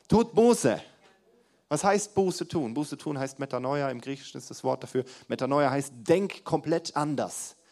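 In a church hall, a young man preaches lively to a congregation in a mid-range voice, mixing loud emphasis with quiet asides and asking the room questions.

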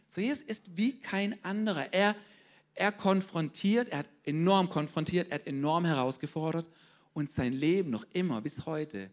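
A fairly high-pitched male pastor preaches with vigor, speaking plainly to his congregation and repeatedly slipping in a quick question to see if they're following.

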